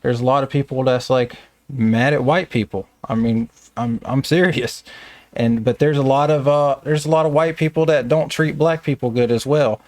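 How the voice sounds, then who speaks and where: A man's voice: medium pitch, fairly even intonation, moderate pace, a little mellow, no echo. Plainspoken Southern American man. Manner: plainspoken and colloquial, telling stories at length. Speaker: staffing business owner. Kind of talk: casual storytelling interview.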